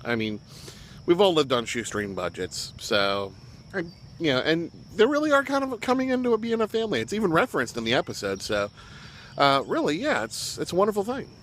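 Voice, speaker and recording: A man's voice: a little high, very animated, a little fast, fairly bright tone, slight background noise. A man talking casually as he reviews a web series episode, rambling with fillers and throwing in jokey asides. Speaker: show reviewer.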